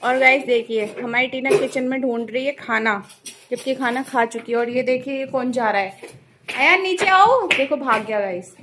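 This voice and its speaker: A woman's voice: fairly high pitch, steady tone, normal speed, background noise. A young woman in a casual home vlog, chatting to viewers as "guys" and cooing at her cats while filming on a phone. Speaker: vlogger. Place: home and street outside after rain.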